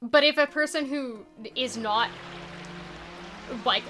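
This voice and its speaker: Chatty high-voiced woman streamer. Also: slow pace, bright, forceful tone. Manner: chatty, rambling, many fillers and restarts. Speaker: streamer playing a video game. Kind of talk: casual live-stream commentary. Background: game music.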